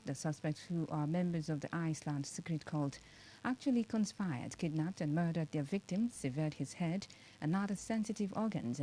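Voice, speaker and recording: A woman with a Nigerian accent reading a scripted radio news bulletin in a formal, deliberate manner. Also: sits low, mellow, a little hiss or hum, rough recording. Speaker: radio newsreader.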